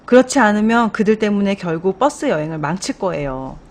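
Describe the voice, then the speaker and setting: An upbeat, wise woman bus driver, earnest and encouraging as she hands out firm advice, voiced by a woman reading a storybook aloud. Her pitch sits in a plain middle range. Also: lively intonation, brisk, darkish tone, natural voice.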